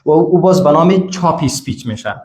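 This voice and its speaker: A man's voice: on the high side, animated, darkish tone, echoey room. A man teaching English to a class, explaining step by step and repeating each example phrase several times. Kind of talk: classroom language lesson.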